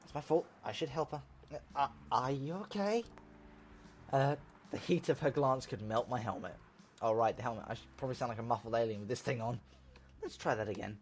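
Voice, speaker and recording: A man hosting a let's play, reading a visual novel aloud in an animated way. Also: medium pitch, quick pace, slight background noise. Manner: animated reading, laughs and shouts at tense moments.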